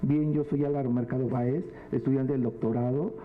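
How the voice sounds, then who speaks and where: A man's voice: mid-range voice, fairly even intonation, normal speed. Earnest man, tinny sound. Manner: earnest, rising rhetorical questions. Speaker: audience member at a public forum. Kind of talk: public comment at a forum. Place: legislative hall forum. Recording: tinny phone-like sound with faint hum.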